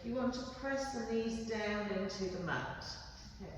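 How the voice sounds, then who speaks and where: Female yoga teacher, gentle instructive delivery with frequent "okay?" check-ins, heard from a distance in a very echoey room. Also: fairly high pitch, normal speed. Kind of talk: guided yoga class instruction. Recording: very echoey room, voice far from mic, faint background noise.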